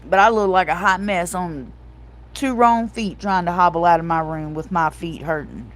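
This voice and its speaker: A woman's voice: fairly low pitch, normal speed. A middle-aged woman hosting a casual livestream, telling stories animatedly and calling her viewers y'all. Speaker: livestream host.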